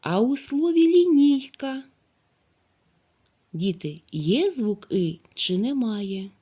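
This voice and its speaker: A woman teacher speaks to young children at a very slow, deliberate pace, stretching out each word and sound. Her voice is mellow and warm, with lively rises and falls in pitch. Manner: slow, drawn-out, clearly articulated speech for young children. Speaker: primary school teacher.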